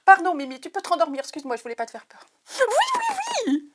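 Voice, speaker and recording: Racing through an excited unboxing, a crafting vlogger talks to viewers over a headset in a high-pitched, lively voice. She gushes and repeats her words, her heart pounding with overexcitement, and the recording is very noisy.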